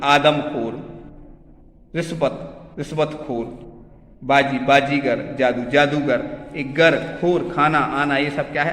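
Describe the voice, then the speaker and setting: A man's voice: mid-range voice, fairly bright tone. A man teaching a Hindi grammar lesson, listing example words one by one and asking questions that he answers himself. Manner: asks the class questions and answers them himself; often checks in with "theek hai na". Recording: echoey room with long reverb.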